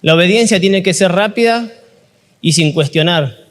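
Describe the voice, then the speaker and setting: A man's voice: high voice, moderate pace, long reverb tail. A man with an Argentine accent giving a chatty, jokey informal sermon at a workshop, often asking the audience questions. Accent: Rioplatense Spanish. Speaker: youth ministry speaker.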